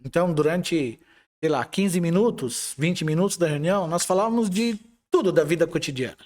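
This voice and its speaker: A man's voice: fairly high pitch, normal speed. Brazilian man, easygoing storyteller. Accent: Brazilian Portuguese. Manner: relaxed storytelling, hesitant restarts. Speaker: IT manager, interview guest. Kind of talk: conversational interview.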